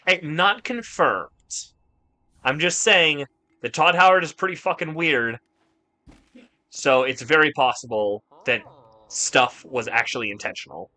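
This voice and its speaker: A man's voice: a little high, a little slow, bright, forceful tone. A man streaming a video game, chatting casually with his viewers, rambling and joking and swearing often. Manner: rambling, joking, swears a lot while reading chat. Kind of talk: casual gaming stream chat.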